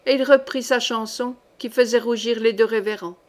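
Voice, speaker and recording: Brief: a female audiobook narrator with a slightly high voice, reading a historical novel in a measured, expressive way. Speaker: audiobook reader.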